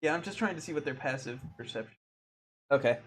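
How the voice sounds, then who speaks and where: A game master running a tabletop game, reading out room descriptions with many pauses and fillers. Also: mid-range voice, animated, a crowd in the background. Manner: hesitant, lots of ums and uhs.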